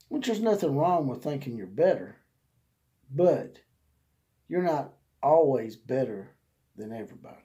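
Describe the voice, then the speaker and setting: Man, sports vlog host, folksy sermon-style rant, dark mellow voice. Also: mid-range voice. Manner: folksy, preachy, drawls words for emphasis. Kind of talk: casual rant in a preacher's manner.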